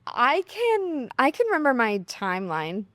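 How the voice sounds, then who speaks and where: A woman's voice: high voice, huge pitch swings, a little slow, fairly bright tone, dry recording. A woman co-hosting a podcast in casual chat, gushing and restarting her sentences, full of fillers. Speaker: podcast co-host.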